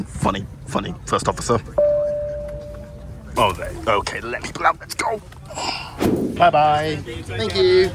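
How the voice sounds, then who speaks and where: A travel vlogger offers casual commentary on the move through a plane and an airport. His fairly high voice is sing-song and slow, with long pauses, and travel and engine noise comes through clearly behind him.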